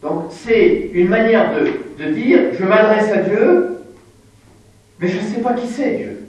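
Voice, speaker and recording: A man giving an informal bible lesson to a group, explaining patiently and haltingly with many fillers. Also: sits high, lively intonation, a little mellow, muffled recording, slight background noise. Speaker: religious teacher. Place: indoor room with listeners. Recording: very echoey room, mic far off.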